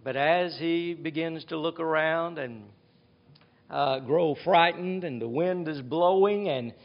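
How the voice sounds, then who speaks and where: A man's voice: a little high, takes it slowly, muffled recording. A man preaching an earnest, reflective sermon in a church, retelling scripture scenes. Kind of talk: expository sermon. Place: church with a screen behind him.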